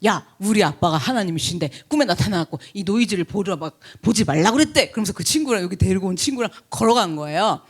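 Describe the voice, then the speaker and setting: A middle-aged woman pastor telling a chatty, animated story in a sermon, acting out the people she quotes. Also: medium pitch, fast talker, hardly any pauses, slightly rough. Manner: chatty, animated anecdote with laughs and acted quotes. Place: church.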